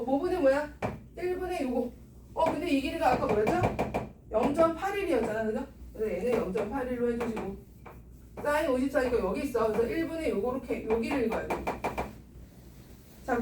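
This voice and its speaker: A woman math teacher in a classroom, talking students through problems and coaxing them with constant questions. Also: sits high. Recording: echoey room, picked up from a distance with background noise.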